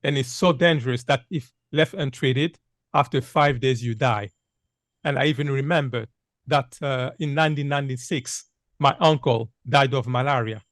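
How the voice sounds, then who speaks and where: A man's voice: mid-range voice, moderate pace, fairly bright tone, no echo, clean studio sound. A man in his fifties from Congo gives an earnest public health talk with many "uh" fillers. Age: 50s. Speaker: speaker giving a health talk.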